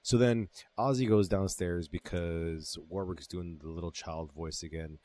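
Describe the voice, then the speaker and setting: A man with a very low voice co-hosts a casual podcast. He recaps a movie with lots of swearing and enthusiasm. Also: fairly even intonation, unhurried, mellow, dry recording. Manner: profane, enthusiastic retelling. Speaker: podcast co-host.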